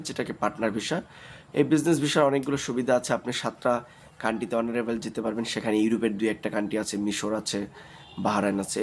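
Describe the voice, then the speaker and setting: A man with a Bangladeshi Bengali accent talks straight to his viewers in a casual vlog. His pitch sits at an ordinary middle level. He circles back over his points and fills the gaps with "uh", with faint ambience behind him. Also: slight background noise. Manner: rambling, repeats himself, frequent "uh" fillers; addresses viewers directly, defensive about critics. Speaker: channel host.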